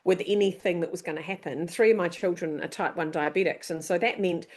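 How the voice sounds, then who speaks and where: Woman in her 50s, guest on a leadership chat, animated, does voices when she tells a story. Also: on the low side, brisk. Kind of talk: casual interview chat.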